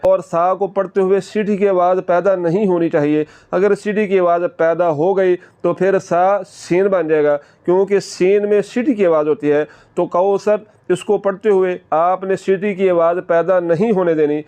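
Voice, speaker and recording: A man's voice: sits high, steady tone, a little mellow, clean tone. A man teaching Quran recitation step by step, patiently repeating and drawing out model sounds. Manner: patient, repetitive, drawn-out model syllables. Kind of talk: step-by-step pronunciation lesson.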